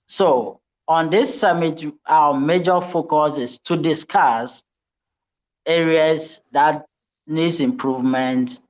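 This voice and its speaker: A man moderating a conference panel, slow and hesitant with many ums. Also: fairly high pitch, steady tone. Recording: dull lo-fi audio.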